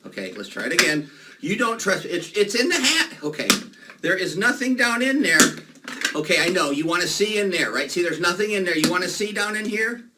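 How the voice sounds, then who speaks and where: Male kids party magician, higher-voiced, playful and exclamatory patter for children, noisy distant recording. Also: big pitch swings, fairly quick.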